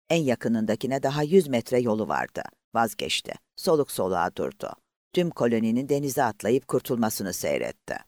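In this scripted narration, a male audiobook narrator with a mid-range voice tells a novel's story in a measured but expressive way. The recording is dry and of studio quality.

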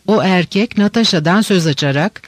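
A man narrating a classic novel in an audiobook, measured and even. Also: sits high, no room sound. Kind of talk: scripted literary narration.

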